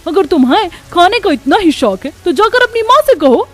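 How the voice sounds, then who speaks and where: A woman's voice: very high voice, big pitch swings, normal speed, pitched above the performer's own voice. A woman voicing a spiteful, well-off neighbor mother in a cartoon, talking in a mocking, haughty way.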